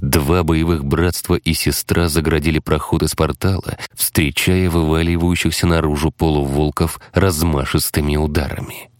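A man narrating an audiobook in first person with a steady storytelling delivery. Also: very deep voice, moderate pace, hardly any pauses, no echo, clean studio sound.

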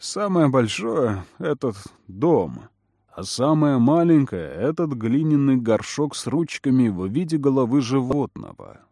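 A man doing a hoarse, world-weary middle-aged man. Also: medium pitch, very animated, unhurried, mellow, no room sound, studio quality.

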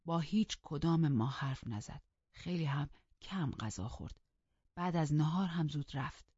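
A woman narrating an audiobook in a steady storytelling manner, in a dull lo-fi recording. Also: deep voice, breathy edge, no echo. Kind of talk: scripted narration.

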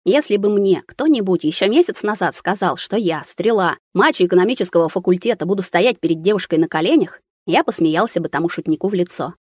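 Woman reading an audiobook, low and dry. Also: husky, no echo. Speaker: audiobook reader. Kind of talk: scripted first-person narration.

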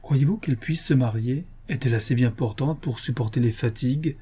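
A man voicing an old male family doctor in a read-aloud novel, who speaks frankly and jokes gently. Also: medium pitch, a little fast, slightly rough. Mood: frank, reassuring.

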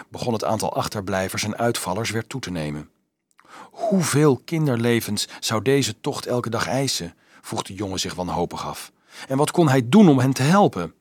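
A man narrating a novel aloud as an audiobook reader, in an expressive storytelling manner. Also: lowish voice, breathy edge, dry recording, clean studio sound.

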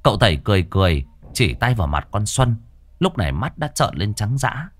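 A man's voice: fairly low pitch, very animated, brisk, a bit bright, dry recording. A man telling a ghost story in a dramatic, suspenseful way.

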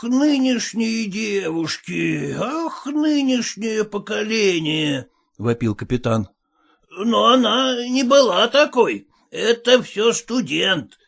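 A man reading a story and voicing an elderly captain who exclaims and wails in high outbursts. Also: vocal fry, a bit bright, slightly rough, exaggerated voice. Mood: outraged. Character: elderly male captain, anxious and excitable.

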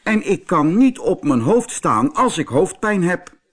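A man's voice: high voice, sing-song, measured pace, a bit bright, slightly rough, pitched above the performer's own voice, exaggerated voice. A man voicing a boastful, lazy, dim-witted male bull in a storybook, with a blustering manner. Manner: bragging, blustering, stammers when stuck.

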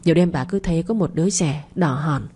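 Husky low-voiced woman storyteller. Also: a little fast, dark tone. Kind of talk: dramatic story narration.

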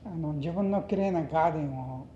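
An older man with a western Japanese dialect reminisces in an interview, haltingly telling anecdotes and mixing in English words. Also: fairly high pitch, dark tone. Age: older, retired. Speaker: oral history interviewee. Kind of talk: reminiscing in conversation. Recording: echoey, muffled, noisy interview recording.

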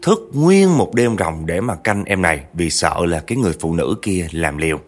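A man's voice: low voice, sing-song, moderate pace. A man telling a family story in a chatty way, often speaking straight to the listeners. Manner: chatty, addresses listeners directly. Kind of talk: narrating a true spooky family story.

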